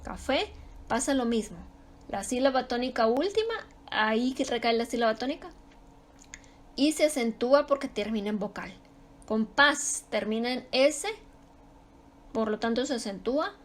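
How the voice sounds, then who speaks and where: A woman teaching a grammar lesson, explaining slowly and repeating example words with strong stress. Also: a little high, expressive.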